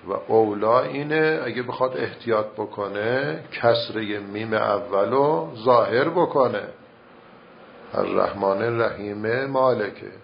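A man teaching recitation rules in a measured, step-by-step way, reciting verse examples as he explains. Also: mid-range voice, creaky. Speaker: religious teacher. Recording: muffled lo-fi recording with faint noise.

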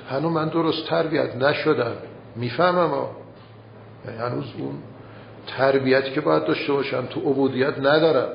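A man with a gravelly, creaky voice delivers a conversational sermon, often posing rhetorical questions. His loudness rises and falls from phrase to phrase. The recording is roomy and a bit dull, with faint noise underneath. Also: medium pitch. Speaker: cleric giving a religious talk.

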